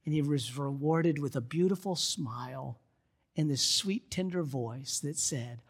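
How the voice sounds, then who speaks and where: A male pastor preaching a sermon and telling a story, moving between loud emphasis and hushed, quiet passages. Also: unhurried, slightly rough. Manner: dramatic, swings from loud emphasis to hushed lows.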